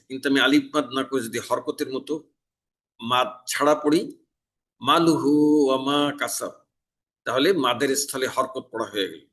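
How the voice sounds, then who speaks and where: A man from Bangladesh teaching Quran recitation rules in a mosque, his pitch sitting at an ordinary middle height. He explains each recitation error plainly, then stretches the verse examples out slowly and deliberately. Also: fairly bright tone, slightly rough. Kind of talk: tajweed lesson with recited examples. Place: mosque in Dhaka.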